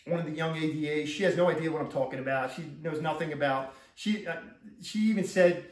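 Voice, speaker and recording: A middle-aged police officer talks quickly and rambles through his account. He keeps repeating himself and restarting his sentences. He sits a fair way from the mic in an echoey room. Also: a little high, far from the mic. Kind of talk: casual first-person account.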